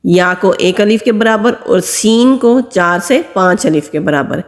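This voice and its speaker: A woman's voice: mid-range voice, lively intonation. A woman teaching Quran reading, patiently explaining how each letter is pronounced and drawing out the sounds as she recites them. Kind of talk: step-by-step recitation lesson. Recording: long hall reverb.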